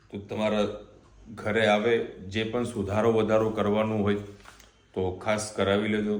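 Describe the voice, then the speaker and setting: ગુજરાતી લહેકાવાળો પુરુષ, ગુંજતો રસોડાનો અવાજ. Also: male voice, fairly low pitch. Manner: chatty, reassuring. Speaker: vlogger. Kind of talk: casual family vlog chat. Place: home kitchen. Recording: echoey room, noisy background.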